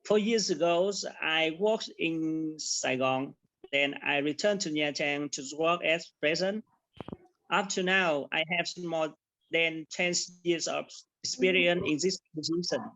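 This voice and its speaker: A man's voice: a little high, measured pace, pushed and bright, low-quality recording. A man recites a prepared self-introduction in a classroom English exercise. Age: 30s. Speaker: interview guest. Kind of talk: classroom English speaking exercise, scripted interview.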